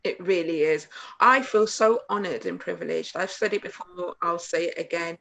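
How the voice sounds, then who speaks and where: A woman's voice: fairly low pitch, normal speed, creaky, a bit bright, low-quality recording. A woman hosting a conversational interview, talking earnestly and repeating phrases for emphasis. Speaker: host.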